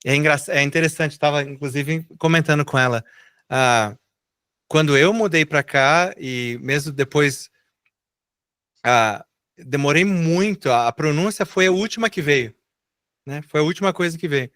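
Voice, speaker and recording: A man's voice: fairly high pitch, moderate pace, fairly bright tone, smooth, studio quality. A middle-aged Brazilian man teaching English in a live online class, patiently explaining and repeating words for students to echo.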